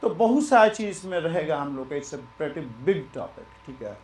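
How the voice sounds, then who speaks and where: A man teaching maths in a relaxed, chatty way, mixing Hindi and English and repeating himself. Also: a little high, measured pace, reverberant. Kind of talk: lecture.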